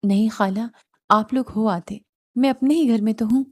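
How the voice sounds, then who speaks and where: A woman voicing a stubborn, hurt young wife in an audio novel who answers with sharp, reproachful retorts. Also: fairly high pitch, natural voice. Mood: reassuring.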